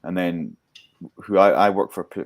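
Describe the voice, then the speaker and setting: A man with a very deep voice speaking as a guest performance coach. He answers eagerly, often repeating a word or two as he builds his point. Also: moderate pace. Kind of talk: interview answers.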